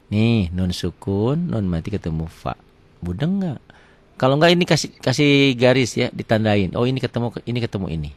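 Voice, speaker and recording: A man teaching tajwid rules, patiently repeating words slowly and asking and answering his own questions. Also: mid-range voice, big pitch swings. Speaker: Quran recitation teacher. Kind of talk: explaining tajwid rules to students.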